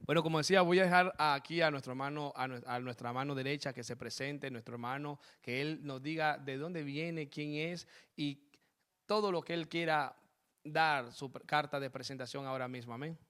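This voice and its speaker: This man's voice sits on the high side, steady, smooth and fairly bright, moving at a normal speed. He is a pastor hosting a church program set in Spain, praying aloud and interviewing guests. His manner is fervent, full of amens and blessings.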